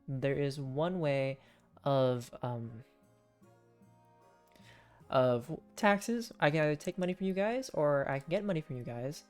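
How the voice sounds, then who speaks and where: A woman casually commentating as she hosts a game livestream, playful and often halting as she thinks aloud. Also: low voice, animated, darkish tone, clean tone, faint music behind. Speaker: game streamer hosting a viewer voting game.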